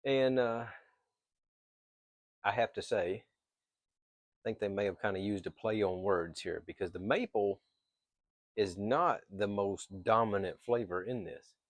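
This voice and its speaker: A man with a fairly low voice talks through an unscripted review in a casual way. He often pauses mid-thought and feels his way to the next phrase. The sound is dry, with very little room in it. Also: no echo. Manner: hesitant, pausing mid-thought, thinking aloud. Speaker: pipe tobacco reviewer.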